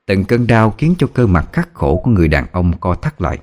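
A man narrating a scripted horror story with dramatic, expressive storytelling. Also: low-pitched, fairly quick. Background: faint music.

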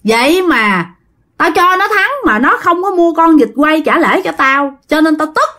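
A woman, as a storyteller putting on a vengeful spirit that has seized a young man's body. It jeers in a high, shrill voice that leaps all over the place. It is bratty and spiteful, with no patience for anyone. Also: expressive, a little slow, bright, forceful tone, exaggerated voice. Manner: sneering, shrill taunting, later sobbing pleas.

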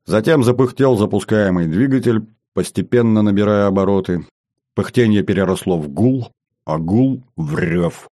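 A male narrator reads a first-person adventure audiobook. His voice is low and mellow, and his delivery is even and descriptive. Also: moderate pace.

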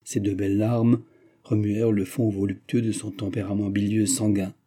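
A man narrating a classic novel as an audiobook in a measured, even manner. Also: lowish voice, husky. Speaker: audiobook reader.

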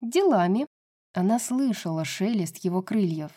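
A woman narrating a romance novel as an audiobook, in an even reading voice. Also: lowish voice, normal speed.

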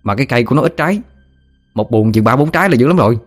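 A man's voice: medium pitch, expressive, faint music behind, pitched above the performer's own voice, natural voice. A man with a Southern Vietnamese accent voicing an older village boy who teases and shows off. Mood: boastful. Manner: teasing, brash, quick-talking. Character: older village boy, teasing, brash, showing off.

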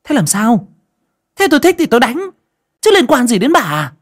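A man voicing a cruel, abusive village woman in an audio story, with a shrill, screeching way of cursing. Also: wildly swooping pitch, a little fast, slightly rough, exaggerated voice. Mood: furious. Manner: snarling, hurls curses.

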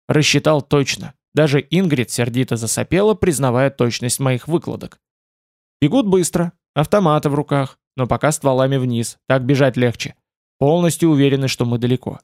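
A man's voice: mid-range voice, moderate pace, darkish tone, dry recording. Man reading a novel, dry room. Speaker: audiobook narrator. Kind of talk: first-person novel narration.

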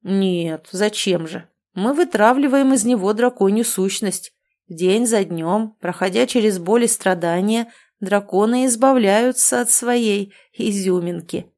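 A woman voicing a stern, cruel male island guard who talks with rough scorn, in a read-aloud fantasy story. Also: mid-range voice, measured pace, a little mellow, lightly acted. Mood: mocking.

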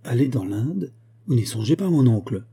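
A man's voice: mid-range voice, big pitch swings, moderate pace, creaky, dark tone, husky, full character voice. A man reading the part of a spoiled young officer who speaks in a sulky, indignant way.

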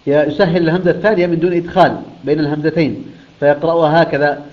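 A man's voice: a little high, steady tone, lo-fi sound. Man teaching Quran recitation, chanting examples. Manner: explains rules, then chants example words slowly and melodically. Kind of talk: recitation lesson.

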